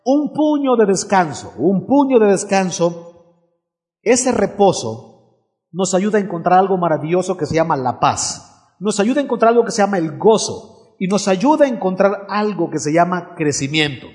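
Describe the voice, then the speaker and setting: A man delivers a sermon in a high voice, leaning on dramatic pauses and repeated phrases. His voice rings out with a long reverb, as from a large hall. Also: animated, a little mellow. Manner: preaching with dramatic pauses and repetition. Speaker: pastor.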